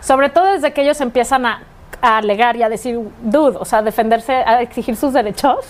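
High-voiced Mexican woman, animated chat. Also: fairly quick. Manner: animated, acts out quoted voices. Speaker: podcast co-host. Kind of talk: casual chat.

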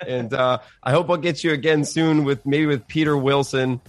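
Male podcast host, medium pitch, casual halting chat, dry recording. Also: steady tone, dry recording. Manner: halting, unscripted.

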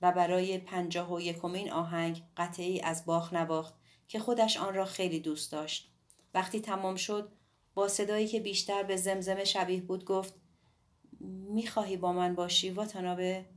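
A woman reads a novel aloud as an audiobook narrator. Her delivery is calm and measured, and her voice sits a little low. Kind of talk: scripted narration.

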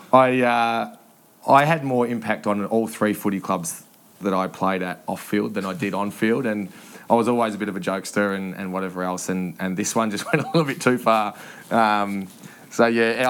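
A man in his thirties with an Australian accent, a former footballer telling stories as a podcast guest, halting with many ums and restarts and laughing often. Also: lowish voice, a bit bright. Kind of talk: casual storytelling interview.

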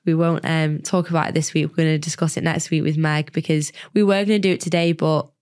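A woman hosting a podcast in casual chat, her voice weak and husky because she is poorly. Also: deep voice, fairly even intonation, fast, darkish tone. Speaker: podcast host.

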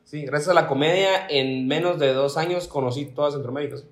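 A man's voice: fairly high pitch, a little fast. A man, a podcast co-host rambling in crude, casual banter. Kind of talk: casual chat. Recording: roomy echo.

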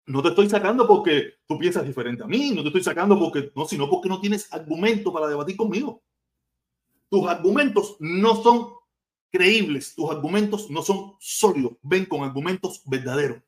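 A man's voice: sits high, lively intonation, moderate pace. A man from Cuba with a Cuban accent, ranting bluntly and profanely on a casual live stream.

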